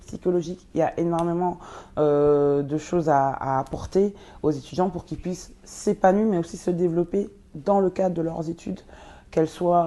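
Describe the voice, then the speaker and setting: A young woman who grew up in Belgium and was born in Congo, answering interview questions with many pauses and fillers. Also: low-pitched, dark tone. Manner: hesitant, many fillers and restarts. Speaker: guest, nonprofit co-founder.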